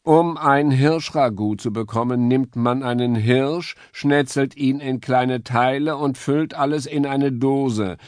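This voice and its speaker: A man's voice: medium pitch, animated, measured pace, few pauses, a little mellow, no room sound, clean studio sound, pitched above the performer's own voice. A man voicing a haughty, greedy house cat in a children's audiobook, speaking with arrogant drawl.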